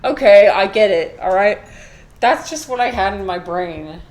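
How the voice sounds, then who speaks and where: A woman in her twenties plays a video game on a live stream, rambling casually to viewers, swearing without restraint, and reacting to chat comments. Her medium-pitched voice has lively intonation and a darkish tone, and she takes her time.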